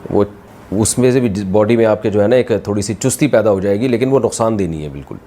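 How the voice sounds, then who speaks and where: A man's voice: lowish voice, warm tone. A man giving a sermon as a religious scholar, conversational and joking, with frequent asides to the audience. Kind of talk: sermon with anecdotes and humor.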